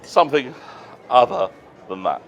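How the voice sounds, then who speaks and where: A man's voice: mid-range voice, very animated, unhurried, a bit bright, lo-fi sound, a little hiss or hum. Man explaining plainly to a live audience. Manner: explains plainly, with asides and self-corrections. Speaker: presenter at a trade show. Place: noisy exhibition hall.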